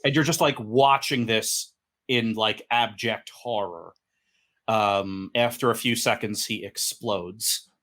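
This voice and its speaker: A man's voice: fairly low pitch, slow pace, a bit bright. Rambling male game master narrating. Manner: rambling, with many fillers and restarts.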